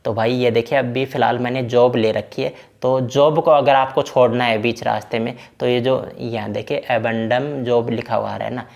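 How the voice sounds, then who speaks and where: Chatty man with a gravelly voice. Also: medium pitch, steady tone, moderate pace, few pauses, darkish tone. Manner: chatty, repeats fillers like "na" and "bhai". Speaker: game tutorial creator. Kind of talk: casual screen-recorded game walkthrough.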